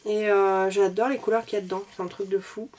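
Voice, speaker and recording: A woman's voice: medium pitch, flat delivery, brisk, a little mellow. A woman reviewing makeup in a chatty, self-deprecating way, a little sick and coughing now and then. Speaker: beauty vlogger.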